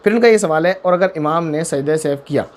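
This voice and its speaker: A man serving as mufti talks through viewers' religious questions in quick, rushing speech. His voice sits a little high, and he drives points home with repetition and pointed rhetorical questions. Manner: emphatic, repeats points, asks rhetorical questions. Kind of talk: religious Q&A talk.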